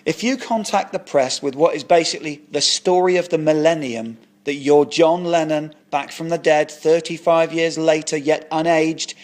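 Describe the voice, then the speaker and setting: A blunt, deadpan bloke who sells junk online, as a man puts him on. He speaks plainly in a somewhat high voice and undercuts everything with flat honesty. A comic audio story. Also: moderate pace, few pauses, close to an everyday voice. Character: blunt unemployed young man, eBay tat seller.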